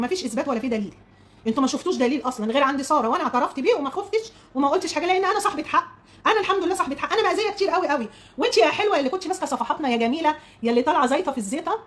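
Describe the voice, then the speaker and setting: A woman's voice: sits high, a bit bright. An Egyptian woman hosting a cooking channel, ranting defensively on a live stream into a phone, insistent and repeating herself. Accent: Egyptian Arabic. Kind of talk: heated live-stream rant.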